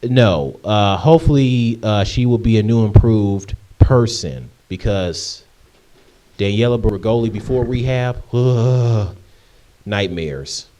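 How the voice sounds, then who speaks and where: A man's voice: on the low side, slow, mellow. A man in his late twenties from Michigan, casually answering viewer questions in a chatty, rambling way with frequent ums and restarts. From Michigan, USA. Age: 20s. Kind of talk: casual Q&A vlog.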